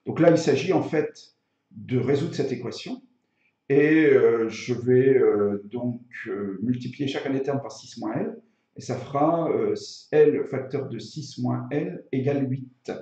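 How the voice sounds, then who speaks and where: A man's voice: mid-range voice, a little slow, dark tone. Hesitant male tutor in an echoey room. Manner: hesitant, thinking aloud, self-correcting. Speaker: maths teacher. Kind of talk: spoken maths tutorial, explaining step by step. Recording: echoey room, slightly dull sound.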